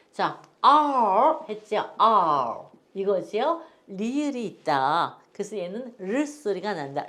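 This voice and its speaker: A woman teaching English phonics to older learners, patiently repeating each word for them to copy. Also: medium pitch.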